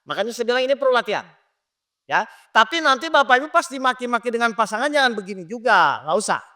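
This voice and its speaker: A man's voice: extremely high pitch, lively intonation, fast, sharp tone. A man preaching a sermon in a mosque, talking straight to his listeners and asking them questions. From Indonesia. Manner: addresses listeners directly with questions.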